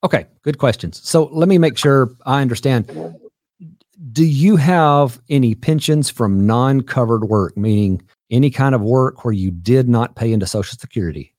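A man's voice: medium pitch, normal speed, a little mellow, no echo, clean studio sound. A man hosting a call-in advice show, explaining things to callers in a patient, plain way. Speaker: host.

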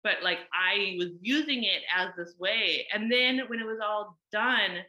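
Bright-voiced woman reflecting candidly. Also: mid-range voice, unhurried, poor audio. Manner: candid, uses many fillers. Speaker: mother. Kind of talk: personal reflective monologue.

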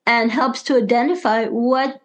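A woman's voice: fairly high pitch, normal speed, low-quality recording. A woman with a New York accent, a language coach speaking as a guest in a casual interview, explaining things earnestly in careful phrases.

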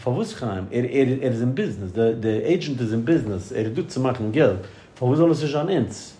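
Man, podcast host, casual chat, mellow voice, asks questions, mid pitch. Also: animated. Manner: questioning, quick agreeing replies.

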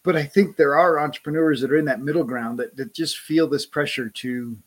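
A man with a higher voice chats casually, friendly and quick to laugh, and he often repeats words as he begins a thought.

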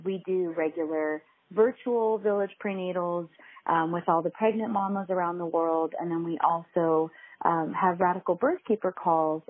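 A woman podcast host interviewing a guest, rambling and hesitant with frequent ums and restarts, recorded over a phone in low quality. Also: slightly rough, no echo. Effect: low-quality recording made over a phone. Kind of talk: conversational interview. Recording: tinny phone-line recording.

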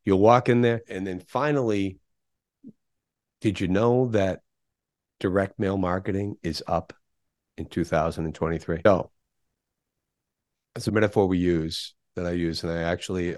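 Low-voiced middle-aged man, emphatic. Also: fairly even intonation, normal speed, long pauses, darkish tone, dry recording, studio quality. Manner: emphatic, asks rhetorical questions. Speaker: podcast guest, sales speaker. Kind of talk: conversational interview.

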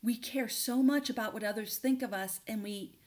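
A woman's voice: fairly high pitch, moderate pace. A middle-aged woman hosting a podcast, candidly telling a personal story and giving advice in a conversational way with plenty of fillers. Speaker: podcast host and coach.

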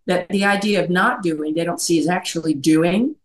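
A middle-aged life coach speaks earnestly on a video call, frequently checking in with "right?" during a conversational interview. Her voice is lowish and her pace moderate.

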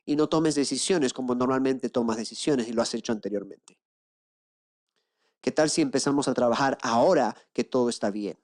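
Lively preacher man acting out voices. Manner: lively, acts out quoted listeners, rhetorical questions; slows down and drops to a low hush for emphasis. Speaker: preacher and inner-healing coach. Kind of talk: sermon.

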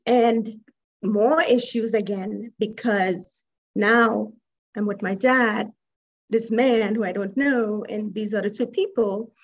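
Her voice is husky and mid-range, with fairly even intonation: a woman from Trinidad and Tobago, interviewed about her life story. The call audio is muffled, and she's reflective and unhurried, hesitating now and then with soft laughs.

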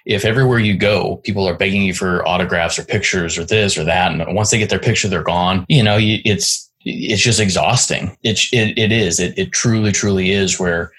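A man hosts a relaxed interview in a very deep voice with a husky edge. He circles his points, restarts sentences and keeps checking in with "right?" The tone stays conversational throughout. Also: moderate pace, hardly any pauses. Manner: rambling, many restarts and "right?" tags. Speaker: podcast host.

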